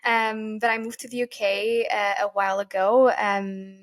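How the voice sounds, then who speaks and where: A woman from Portugal, a yoga teacher giving earnest, thoughtful interview answers and often pausing to find her words. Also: medium pitch, steady tone. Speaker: podcast guest, yoga teacher.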